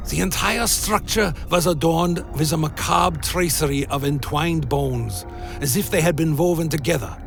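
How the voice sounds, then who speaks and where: Higher-pitched man solemnly narrating dark fantasy. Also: creaky.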